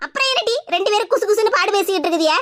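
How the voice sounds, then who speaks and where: A woman's voice: extremely high pitch, lively intonation, very fast, background noise. A woman voicing a suspicious, scolding mother in a cartoon, with a Kanyakumari Tamil accent. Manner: scolding, nagging. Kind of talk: cartoon comedy dub.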